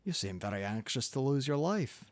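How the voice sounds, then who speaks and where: A man's voice: medium pitch, big pitch swings, moderate pace, no echo, natural voice. A man voicing a kindly, wry old newspaper editor with a Scottish accent in an audiobook story. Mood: dry, discouraging.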